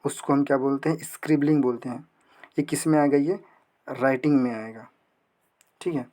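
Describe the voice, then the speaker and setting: A man's voice: mid-range voice, fairly even intonation, mellow. Man teaching exam prep. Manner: asks and answers own questions, reads English slowly. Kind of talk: exam prep lesson explaining questions.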